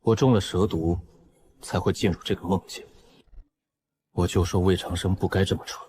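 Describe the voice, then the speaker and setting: A man playing a calm, shrewd young cultivator hero who speaks in a reasoning way. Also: deep voice, normal speed, natural voice.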